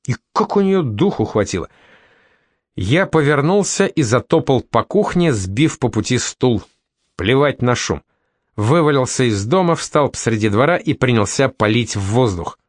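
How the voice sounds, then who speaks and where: Guy narrating an audiobook, lively up-and-down pitch, dead dry close mic sound. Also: moderate pace, dry recording. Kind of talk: scripted first-person narration.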